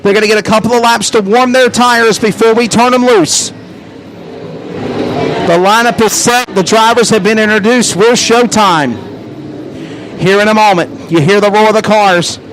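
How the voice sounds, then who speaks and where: A man's voice: high voice, fairly even intonation, normal speed, fairly bright tone, rough recording. A man calling a live dirt-track race as a rousing hype announcer, stretching out key words for effect. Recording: track noise behind the voice.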